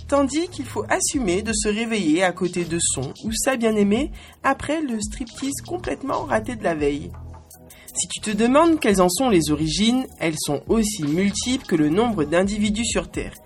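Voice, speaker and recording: A woman's voice: mid-range voice, lively intonation, normal speed, soft background music. A woman in her twenties hosting a podcast, with a playful, cheeky scripted monologue spoken straight to the listener. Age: 20s. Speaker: podcast host.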